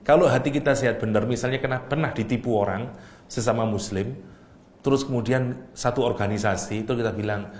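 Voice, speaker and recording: A man giving a lively, teasing religious lecture and reciting Arabic verses. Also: mid-range voice, a little fast. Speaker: Islamic preacher. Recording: echoey hall, faint room noise.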